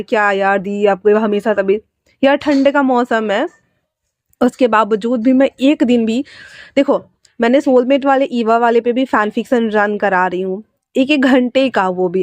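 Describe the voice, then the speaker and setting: Young woman storyteller, sore throat, chatty n a bit bossy, higher voice. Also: dry recording. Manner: chatty, scolding asides, voices the characters. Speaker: fan fiction storyteller. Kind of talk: casual storytelling narration.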